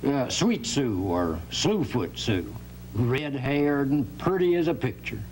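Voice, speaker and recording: A man with a mid-range voice plays a jovial cowboy who spins tall tales as a guest storyteller in an educational radio drama. He speaks slowly in an animated, chuckling, folksy drawl. The low-quality recording has hum and faint background noise.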